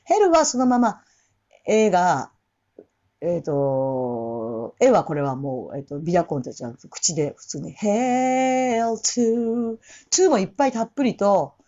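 A woman casually teaching English pronunciation for a song in Japanese, repeating and singing short English phrases slowly to demonstrate. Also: deep voice, big pitch swings, mellow, dull audio.

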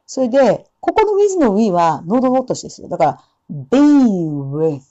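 A woman gives a pronunciation lesson, her pitch rising and falling in a lively way. Her tone is mellow and dark, and she stretches out example phrases slowly. The recording sounds dull and lo-fi. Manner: demonstrates English sounds slowly, repeating phrases. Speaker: English pronunciation teacher.

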